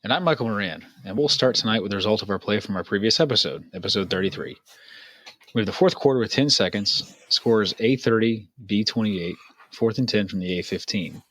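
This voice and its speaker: A man with a fairly low voice co-hosts a podcast on officiating. He lays out game scenarios and rulings plainly and steadily. The recording is close and dry. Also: a bit bright, no room sound. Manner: reads out play scenarios plainly, quick jokes. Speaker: podcast co-host, football official. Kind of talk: casual rules discussion.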